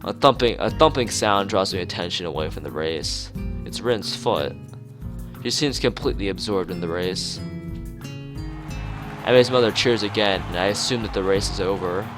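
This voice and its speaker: Streaming a visual novel, a low-voiced man reads the text at a moderate pace, frequently tripping over words and fixing them. He adds offhand comments along the way, with game music audible in the background.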